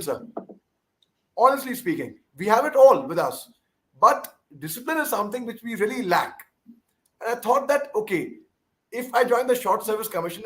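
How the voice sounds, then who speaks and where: High-pitched Indian man, deferential and emphatic. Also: fairly bright tone, poor audio. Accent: Indian English. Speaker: interviewer and former army officer. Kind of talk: conversational interview.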